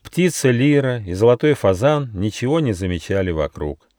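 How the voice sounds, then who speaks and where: A man reading his own fairy tale as an audiobook, with expressive storytelling. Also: mid-range voice, normal speed, no echo. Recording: dry studio audiobook.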